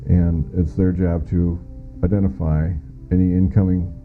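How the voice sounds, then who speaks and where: This is first-hand testimony from a former air traffic controller, a middle-aged American man speaking plainly in an interview. His low voice stays level and moves at a normal speed. Faint music sits behind the muffled, lo-fi audio.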